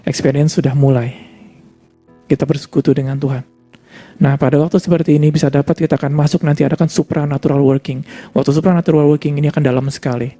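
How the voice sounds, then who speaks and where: Male preacher, slightly high voice, husky, conversational church talk. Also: steady tone, quick pace, dark tone, soft background music. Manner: conversational, mixes in English words. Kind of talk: sermon with personal testimony.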